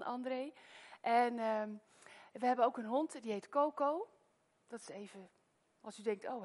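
A middle-aged woman from the Netherlands preaching a sermon in a church, telling stories with loud exclamations and wearing a microphone. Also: on the high side. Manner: lively storytelling, loud exclamations, soft-spoken prayer. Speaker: guest preacher.

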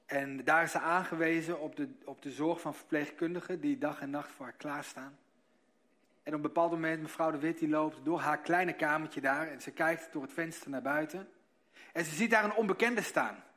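Higher-pitched male preacher, slow and emphatic. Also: fairly even intonation, a bit bright. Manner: storytelling, slows down for emphasis. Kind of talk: sermon.

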